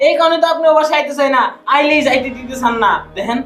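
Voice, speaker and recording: A woman playing a quick, argumentative young in-law in a comedy short film. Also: sits high, faint music behind, natural voice. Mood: arguing. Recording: echoey room.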